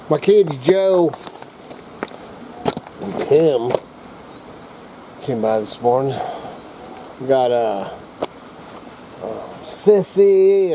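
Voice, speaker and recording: Slow, slurred older redneck man rambling. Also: mid-range voice, very animated, vocal fry, background noise. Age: middle-aged or older. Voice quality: slightly slurred speech. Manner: halting, drawn-out, searching for words. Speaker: vlogger. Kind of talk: casual rambling rant to camera.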